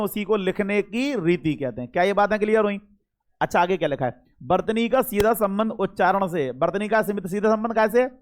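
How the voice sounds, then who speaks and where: A young man, teaching a classroom lecture, chatty, talking straight to his students and repeating key words. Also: high-pitched. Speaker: Hindi teacher.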